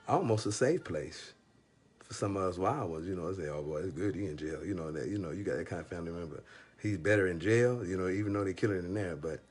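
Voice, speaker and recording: Deep-voiced man giving rambling faith talk. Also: breathy edge. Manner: rambling and halting, with constant "you know" fillers; chuckles through his stories. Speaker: speaker giving spiritual encouragement. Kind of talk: casual faith talk addressed to one listener.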